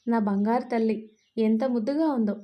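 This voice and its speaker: A man's voice: extremely high pitch, normal speed, highs cut off. A woman voicing a tender, emotional middle-aged father who speaks in a soothing, affectionate way in a Telugu audio story.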